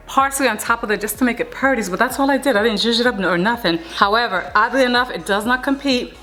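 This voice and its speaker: A woman's voice: fairly high pitch, fast, bright, forceful tone, soft background music. Chatty woman cooking vlogger. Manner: chatty and playful, with a preachy blessing at the end. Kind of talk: casual cooking vlog. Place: home kitchen under hot lights.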